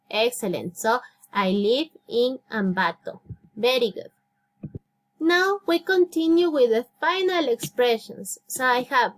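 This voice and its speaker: A woman in her thirties with an Ecuadorian accent, whose first language is Spanish, teaches a beginner English class. Her voice sits high, and she speaks slowly and deliberately. She repeats each phrase and praises her students often. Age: 30s. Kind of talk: slow, clear classroom instruction.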